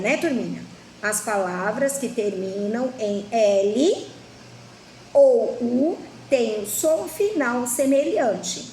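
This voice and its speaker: Brazilian woman teacher, slightly high voice, slow and patient with kids, echoey room, faint noise. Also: a little mellow. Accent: Brazilian Portuguese. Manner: slow, patient, asks the class questions. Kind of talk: children's lesson.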